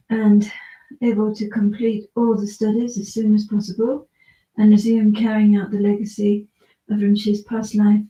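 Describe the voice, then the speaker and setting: A woman's voice: mid-range voice, warm tone, highs cut off. Woman speaking in an echoing cave. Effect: cave echo. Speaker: prayer practice leader. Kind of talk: leading prayers and reciting a liturgy. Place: inside a cave. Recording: echoey cave, voice far from mic.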